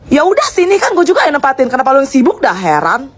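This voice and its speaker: A woman's voice: high voice, huge pitch swings, quick pace. A woman acting in a comedy skit, with brash, cocky delivery full of slang. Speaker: comedy sketch actor.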